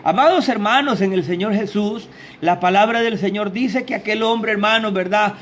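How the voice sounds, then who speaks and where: A high-pitched man preaches in a small church. He is fervent, tosses in tag questions to the listeners, and his pitch rises and falls widely. A faint ambient murmur sits behind his voice. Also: normal speed, a bit bright, a little hiss or hum. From El Salvador. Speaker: lay preacher. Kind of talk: sermon.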